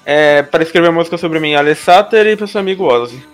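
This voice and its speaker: Young guy w brazilian portuguese accent, kinda high voice, slangy chat over music. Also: animated, quick pace. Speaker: podcast participant.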